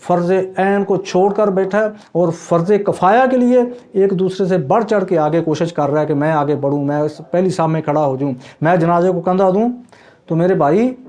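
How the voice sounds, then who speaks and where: A man's voice: high voice, darkish tone. A man preaching a sermon, urging listeners in an earnest, repetitive way and calling them brother.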